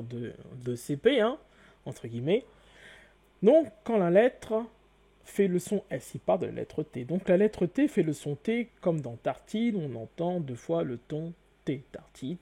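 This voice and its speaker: Husky man giving a rambling spoken lesson. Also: on the high side, dark tone. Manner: repetitive, explanatory, many "donc" and "hein". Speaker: self-taught etymology teacher.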